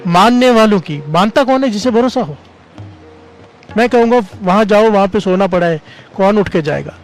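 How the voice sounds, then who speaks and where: A man preaching a devotional sermon, often calling on the congregation to respond and chanting scripture lines slowly. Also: high voice, lively intonation, soft background music, rough recording. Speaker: Sikh preacher.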